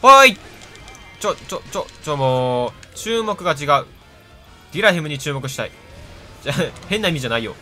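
A man with a Kansai accent chats his way through a video game, his voice bright and forceful and swinging freely up and down in pitch. He mocks himself and bursts into loud reactions, while faint game music plays behind him. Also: very animated, brisk. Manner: chatty, self-mocking, reacts loudly to the game. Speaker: gameplay commentator. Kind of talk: casual let's-play commentary.

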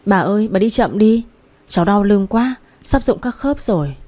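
Young pregnant wife, timid and pleading, voiced by a female narrator; warm tone. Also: medium pitch, animated, normal speed, close to an everyday voice. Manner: soft, coaxing.

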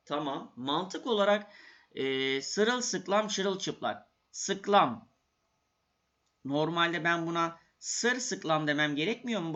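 A man teaching an exam-prep grammar lesson with a bright, forceful voice that sits a little high. He keeps asking questions and answering them himself, stressing the points again and again. The recording sounds slightly dull and lo-fi.

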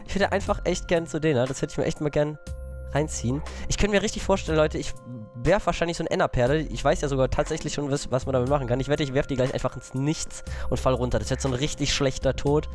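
A young man giving nervous, excitable Let's Play commentary, breaking into panicked yelps. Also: a little high, fast talker, soft background music. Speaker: gaming YouTuber.

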